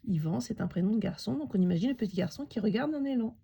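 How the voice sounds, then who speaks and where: A woman teacher narrating a handwriting lesson for young children, talking it through slowly and spelling out each letter and sound. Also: medium pitch, expressive, vocal fry, warm tone, breathy edge.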